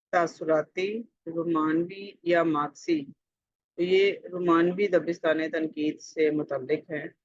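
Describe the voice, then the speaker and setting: Slow, deliberate Pakistani Urdu exam tutor. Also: mid-range voice, no echo. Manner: deliberate, repeats questions, conversational fillers. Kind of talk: reading out multiple-choice questions and answers. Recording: dull lo-fi dry recording.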